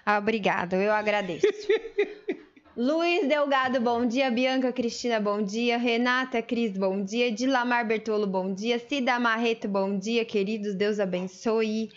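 A woman co-hosting a live show, reading listener greetings in a brisk, friendly way. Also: a little high. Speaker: co-host. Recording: dull lo-fi broadcast audio.

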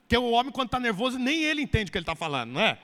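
A man preaching a sermon as pastor, swinging between loud and hushed delivery. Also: very high voice, very animated, very fast. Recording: echoey hall reverb.

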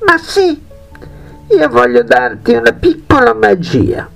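A man voicing a kind old woman in a fairy tale, speaking in a high quavering granny voice. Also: huge pitch swings, takes it slowly, vocal fry, a bit bright, soft background music, heavily acted. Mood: kindly.

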